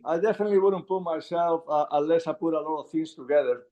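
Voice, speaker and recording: Older guy, kinda high voice, modest and halting. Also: mellow, highs cut off. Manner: modest, hesitant, many restarts. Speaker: former player, coach. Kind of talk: casual interview chat.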